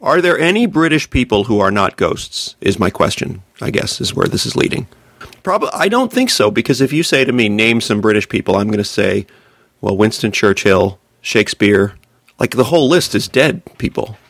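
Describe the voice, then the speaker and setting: A man's voice: medium pitch, sing-song, moderate pace, vocal fry, fairly bright tone, slightly rough, no room sound. A man in a casual film discussion, making dry jokes. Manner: dry joking.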